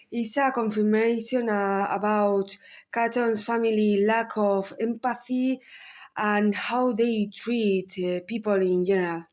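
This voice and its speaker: A woman's voice: a little high, darkish tone. A woman in her thirties with a Spanish accent, giving a candid film analysis with blunt asides. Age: 30s. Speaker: video essayist.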